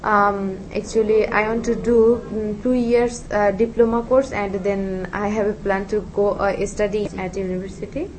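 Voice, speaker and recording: A woman, an English student introducing herself in class with many pauses and fillers. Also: mid-range voice, fairly even intonation, a little mellow, slight background noise, low-quality recording. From Bangladesh. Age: 20s.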